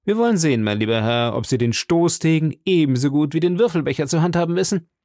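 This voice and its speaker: Reading from a storybook, a man voices a young, hot-headed swordsman who speaks in a raised, courtly yet challenging manner, defiant and gallant. He pitches the character a little high, above his own voice, with a quick, expressive delivery and darkish tone, captured in a dry, studio-quality recording.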